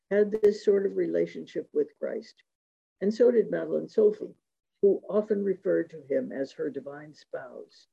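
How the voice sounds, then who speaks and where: Gravelly, dark-voiced man giving a lecture. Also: fairly high pitch. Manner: measured, reading quotations aloud. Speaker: speaker giving a talk on Eucharistic spirituality. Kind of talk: reflective lecture with quotations. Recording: dull lo-fi recording.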